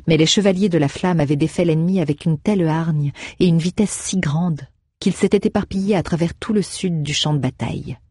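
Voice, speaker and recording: A man reading a fantasy novel aloud in steady, measured narration. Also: fairly high pitch, breathy edge, no room sound, clean studio sound. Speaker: audiobook narrator. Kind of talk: audiobook narration.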